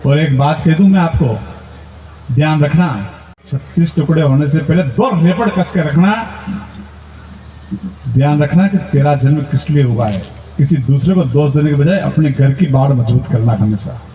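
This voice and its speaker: A man performing stand-up comic storytelling, animated and playing his relatives in squeals. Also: fairly high pitch, normal speed, a little hiss or hum. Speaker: comedian poet. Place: large event stage. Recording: roomy far-off lo-fi stage recording.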